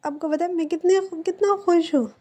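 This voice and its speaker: Whiny, clingy pregnant young man, high and mellow, read in a storybook telling by a woman narrator. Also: moderate pace. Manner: whiny, pleading.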